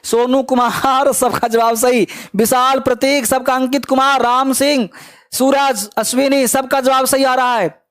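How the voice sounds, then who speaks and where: In a live online English class, a very high-voiced man with a Bihari Hindi accent keeps encouraging his students, repeating prompts and pressing them to answer fast. His tone is steady and fairly bright, and the studio sound is clean with no room noise.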